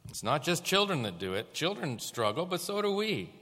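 A male pastor delivers a sermon in a lively, sharply bright voice. He swings his pitch widely and keeps putting questions to the congregation. The sound rings out with a long church-hall reverb. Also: moderate pace. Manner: animated preaching with rhetorical questions to the congregation. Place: church sanctuary.

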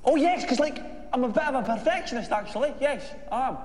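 An actor playing an amiable young Scottish slacker in a film comedy, rambling nervily and over-eagerly through a job interview. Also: male voice, extremely high pitch, lively intonation, fast. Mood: eager, chirpy. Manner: nervy, scattered, over-eager. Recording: echoey hall, faint noise.

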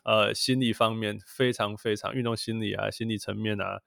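Male podcast host, with English phrases mixed in, casual, creaky, dry recording. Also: lowish voice, fairly even intonation, normal speed, fairly bright tone, dry recording. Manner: mixes English phrases into Mandarin.

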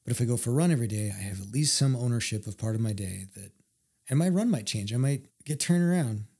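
A man guest on a podcast, telling stories in a casual, animated way and acting out what people said. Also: medium pitch, fast talker, husky. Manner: animated storyteller, acts out quotes. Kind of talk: casual storytelling conversation.

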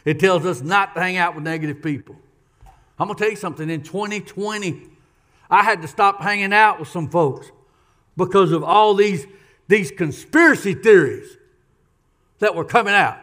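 A man's voice: sits high, normal speed, pauses often, a bit bright. A man preaching a sermon as pastor, emphatic, repeating key lines and questioning the congregation.

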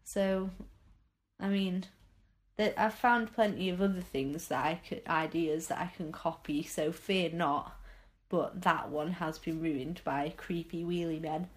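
A woman's voice: on the low side, measured pace. Chatty, rambling woman. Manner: chatty, rambling, self-amused, lots of fillers. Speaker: podcast co-host. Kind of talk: casual chat.

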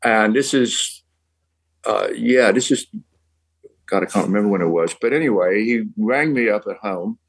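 A man's voice: lowish voice, normal speed, vocal fry, poor audio. An older man from England, a songwriter guest telling long, rambling anecdotes in casual podcast chat, dropping British slang.

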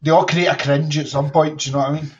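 A man's voice: on the high side, little pitch movement, fast, distant mic, lo-fi sound. A man in casual chat who rambles, laughs often and jokes crudely.

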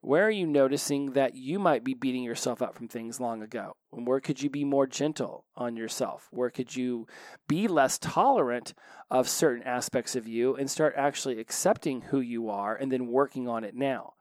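Male solo podcast host, tired but buzzing, rapid rambling delivery with fillers, dry close-mic sound. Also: mid-range voice, no room sound. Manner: fast, excitable, self-interrupting with fillers. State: tired, up late past midnight. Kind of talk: solo podcast monologue on recovery. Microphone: studio microphone.

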